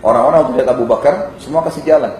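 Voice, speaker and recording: A man preaching, telling a story with lively emphasis and speaking directly to his audience in a mosque hall. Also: medium pitch, rapid-fire, a little hiss or hum. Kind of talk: storytelling sermon. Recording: echoey hall with faint ambience.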